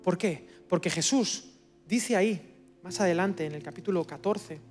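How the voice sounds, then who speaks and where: A man with an accent from Spain preaching a sermon as guest speaker at a church service, swinging from hushed asides to loud bursts. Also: sits high, normal speed, faint music behind. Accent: Spanish from Spain.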